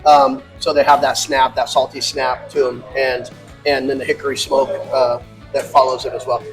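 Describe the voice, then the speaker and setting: A man's voice: mid-range voice, flat delivery, normal speed, faint music behind. A man who owns a barbecue restaurant, chatting casually and laughing often while eating. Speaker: restaurant owner.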